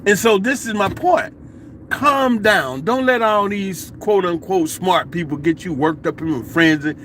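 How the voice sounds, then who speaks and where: A man talks straight to camera in a loose, colloquial monologue. He tells stories animatedly and breaks into laughing asides. His voice sits a little high, with a faint hum of noise behind it. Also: moderate pace, a bit bright. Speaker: vlogger. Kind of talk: casual opinion monologue.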